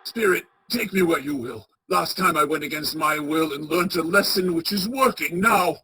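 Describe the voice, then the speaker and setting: A woman playing Scrooge, a shaken old male miser, in a radio play, with a husky voice. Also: deep voice, moderate pace, bright, forceful tone, full character voice. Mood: awed, humbled.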